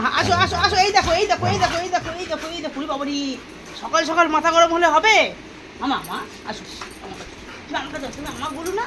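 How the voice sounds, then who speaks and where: A woman talks to her dogs in coaxing, sing-song baby talk. Her voice sits high. The home recording is noisy, with dogs heard around her. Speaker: pet owner. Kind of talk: casual home vlog, talking to pets.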